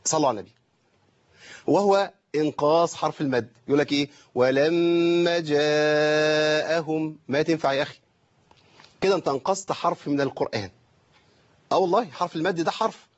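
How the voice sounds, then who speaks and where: A man with an Egyptian accent teaching Quran recitation, lively and mock-scolding as he demonstrates common pronunciation mistakes. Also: fairly high pitch, quick pace, pauses often, husky. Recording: dull lo-fi recording.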